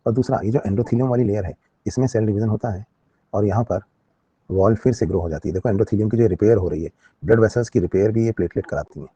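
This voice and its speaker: Fast-talking male teacher, husky and dark. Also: on the low side, dry recording, highs cut off. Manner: explains with everyday examples and frequent check-in questions. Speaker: biology teacher. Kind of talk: live online class lecture.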